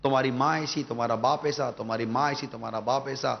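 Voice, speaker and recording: A man's voice: medium pitch, fairly even intonation, gravelly, slight background noise, voice pushed down, lightly acted. A man quoting a nagging wife, dull lo-fi sound. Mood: complaining. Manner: repetitive, grumbling. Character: nagging young wife complaining about in-laws.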